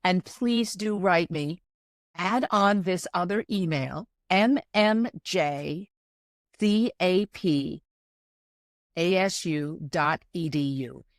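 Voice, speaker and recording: An older woman speaks as an interview guest, with a somewhat low voice. She tells stories emphatically and voices the people in them. The recording is dry and close. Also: takes it slowly, no room sound. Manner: emphatic, animated storytelling with quoted dialogue. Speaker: interview guest, arts executive. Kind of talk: conversational interview.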